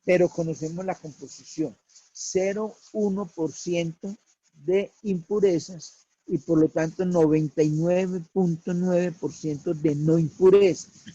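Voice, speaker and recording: A man teaching a worked problem as a lecture, slow and deliberate, repeating key figures. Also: on the high side, fairly even intonation, dark tone, slightly rough, dry recording, dull audio.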